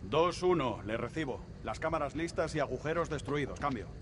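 A man's voice: on the high side, animated, a little fast, noisy background, close to an everyday voice. A man playing a hard-nosed marine lieutenant in a video game, firm and terse, with a Castilian Spanish accent. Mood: businesslike. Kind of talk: dramatic game dub acting.

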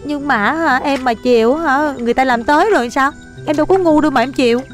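An actress playing a panicky, stubborn young wife who stammers and whines. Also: female voice, high voice, fast talker, music in the background, natural voice. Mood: defiant.

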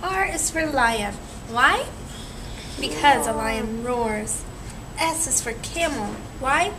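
A crowd can be heard behind a young woman who reads a picture book aloud to children, her fairly high voice expressive and slow as she asks them questions like a teacher. She's seated in a small indoor room, captured by a distant camera mic amid clear noise.

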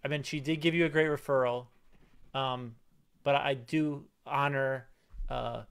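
A man's voice: mid-range voice, steady tone, measured pace, gravelly, a bit bright, smooth. A man improvising a sitcom scene, hesitant and fumbling, with many fillers as he talks around things. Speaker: improv comedy performer.

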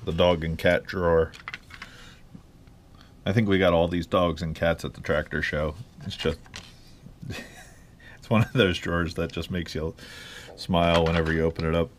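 A man's voice: deep voice, flat delivery, moderate pace, pauses often, a little hiss or hum. A man giving a casual tour of his small home workroom, rambling with many fillers, recorded on a head-mounted camera. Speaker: online reseller. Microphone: head-mounted action camera.

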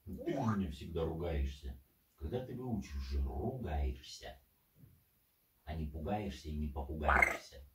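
A man's voice: a bass voice, animated, unhurried, fairly bright tone. A man chatting casually to his pet, in a teasing, coaxing manner. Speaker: parrot owner. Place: indoor room, off camera. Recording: echoey room, distant microphone.

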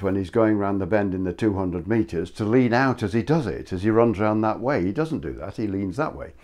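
A man's voice: lowish voice, a little mellow. An older man giving a ski lesson to camera, explaining steadily while demonstrating posture in a room at home. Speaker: ski instructor. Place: home study room, indoors. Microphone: far camera, standing full-body.

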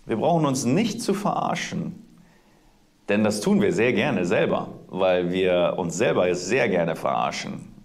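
A man giving slow, drawling, preachy advice in a played video clip. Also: fairly low pitch, big pitch swings.

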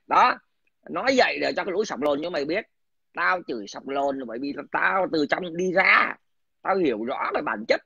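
A man swears his way through a scornful, aggressive rant. His voice sits high and sounds sharp and tense. The recording is dull and lo-fi, with a dry, close sound. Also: no echo. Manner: crude, aggressive, swearing, addresses listener scornfully. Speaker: political commentator. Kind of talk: casual profane rant.

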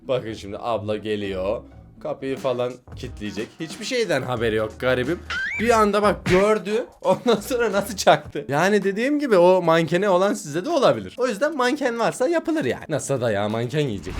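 A young man chats through a reaction video in a joking, easygoing way, laughing often. His voice sits a little high and swings widely in pitch. Faint music plays behind him. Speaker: YouTuber host. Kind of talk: casual reaction commentary.

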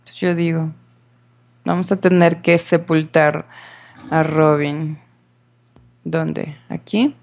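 A woman's voice: sits low, steady tone, slow pace, gravelly, long pauses, darkish tone. A woman, commenting on her gameplay in a dramatic way and scolding the game creatures. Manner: dramatic, talks to game mobs and sings along. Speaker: gamer.

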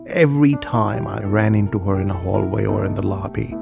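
A man's voice: fairly low pitch, fairly quick, vocal fry. A man who works at a hotel, talking thoughtfully in an interview. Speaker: hotel employee. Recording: music bed under the voice.

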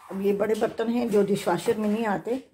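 A woman's voice: medium pitch, steady tone, fairly quick, crowd noise. An older woman from Pakistan narrating casually while she cooks and tidies her home kitchen, chatting and calling out to the children. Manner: chatty, calls to the children while doing housework. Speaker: home cooking vlogger, grandmother. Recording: kitchen clatter of dishes and cutlery.

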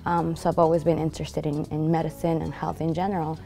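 Low gravelly-voiced woman. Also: flat delivery, fast, dark tone, soft background music. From Peru. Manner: earnest, many fillers. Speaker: graduate student. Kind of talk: interview. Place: library room. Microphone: lapel.

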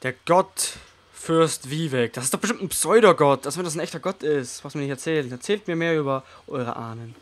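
A man's voice: on the high side, brisk. A man giving casual gameplay commentary as a let's player, flippant and sarcastic.

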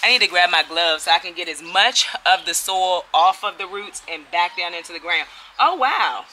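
A woman's voice: fairly low pitch, animated, moderate pace, noisy background. A woman chatting casually to viewers while working in her backyard garden. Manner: chatty, laughing, talks to viewers as y'all. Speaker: urban homesteading vlogger. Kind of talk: casual garden vlog chat.

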